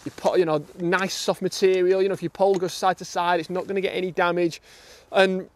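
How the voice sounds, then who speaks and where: Outdoors on a lake bank, a middle-aged British man chats enthusiastically about fishing tackle, often repeating words as he begins a sentence. His voice is high-pitched, level in tone and a little fast, with a British English accent.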